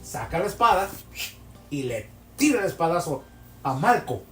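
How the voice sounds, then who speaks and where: A man's voice: on the high side, very animated, moderate pace. A man preaching a sermon, telling vivid stories and asking rhetorical questions. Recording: echoey hall, distant mic, soft music.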